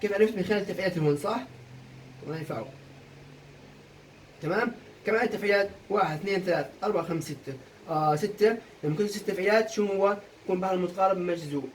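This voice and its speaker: A young man teaching a poetry meter lesson for exam prep, quizzing students with quick questions and answering them himself. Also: high voice, distant mic, poor audio. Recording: voice a bit off-mic, faint room noise.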